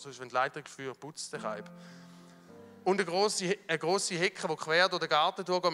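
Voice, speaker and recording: A middle-aged man with a Swiss German accent preaching a sermon, telling a story with fervour, dropping from loud to hushed. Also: on the high side. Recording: long hall reverb with faint music.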